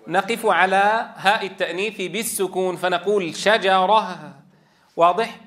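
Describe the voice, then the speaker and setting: A man's voice: high voice, moderate pace, a bit bright. A man teaching a Quran recitation lesson, explaining patiently, repeating key phrases and drawing out vowels to demonstrate. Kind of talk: tajweed lesson.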